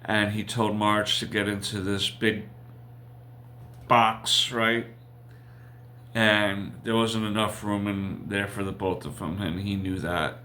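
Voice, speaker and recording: A man's voice: fairly low pitch, steady tone, sharp tone, slight background noise. A man hosting a casual TV episode review, rambling and correcting himself as he recaps. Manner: rambling, slow, with frequent fillers and self-corrections. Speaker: TV review host.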